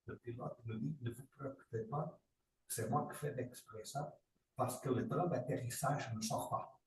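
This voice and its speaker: A man from Angola tells a story to a group with vivid energy, acting out moments with sound effects and sudden leaps in pitch. His voice sits in the middle of the male range. He is heard from a distance in an echoey room with a faint hiss behind him. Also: moderate pace, a little mellow. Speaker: participant sharing a story. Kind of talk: animated personal testimony. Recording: roomy, distant, faint noise.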